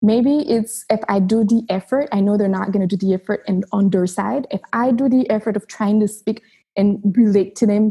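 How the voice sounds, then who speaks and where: A Haitian woman whose first language is Haitian Creole tells her story as a chiropractor guest in an interview, speaking earnestly and reflectively with frequent restarts. Her voice is husky, medium-pitched and dark in tone.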